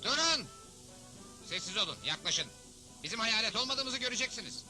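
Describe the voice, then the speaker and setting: An actor playing a wry, assured, fair-minded cowboy hero in a dubbed Western cartoon. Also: male voice, high voice, animated, normal speed, exaggerated voice. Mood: commanding. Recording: loud background music.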